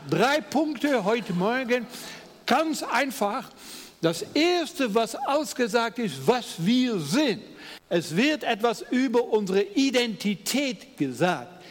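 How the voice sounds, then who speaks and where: Slow, high-voiced German preacher. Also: male voice, big-room sound. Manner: slow, deliberate delivery with pauses and emphasis; dry humor, addresses the congregation directly. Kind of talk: sermon with scripture reading.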